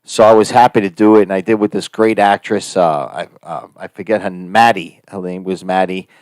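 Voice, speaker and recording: A man's voice: low-pitched, fairly even intonation, fairly quick, a little mellow, no echo. A man with a New Jersey Italian-American accent, co-hosting a casual live stream and rambling with many fillers and restarts. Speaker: co-host and actor.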